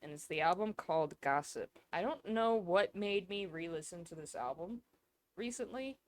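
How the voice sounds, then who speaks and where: A woman co-hosting a casual podcast, rambling and excitable, swearing freely. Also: fairly low pitch, normal speed. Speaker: podcast co-host. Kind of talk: casual chat.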